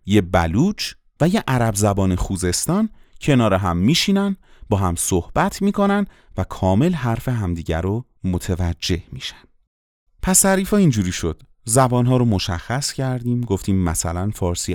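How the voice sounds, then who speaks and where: A man with a fairly low voice gives an explanatory lesson and rises and falls through a wide range. He teaches like a voice-acting coach and often stops to ask rhetorical questions. The recording is dry and close. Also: a little mellow, no echo. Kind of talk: explanatory lesson on dialects and accents.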